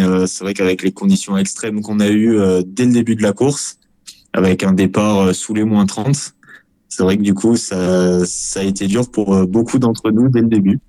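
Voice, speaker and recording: A man's voice: fairly low pitch, dark tone, no echo. A man in his twenties from France, an ultra-trail runner answering interview questions with many hesitations and restarts. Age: 20s.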